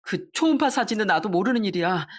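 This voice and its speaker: A woman's voice: mid-range voice, animated, quick pace, natural voice. A woman voicing a guilty husband who apologizes and pleads, in story narration. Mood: guilty pleading.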